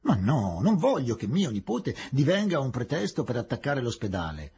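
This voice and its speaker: A man reading aloud and voicing an old, cautious wealthy landowner who implores others to stay calm. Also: a little fast, husky. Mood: imploring. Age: older. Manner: low, restrained, imploring.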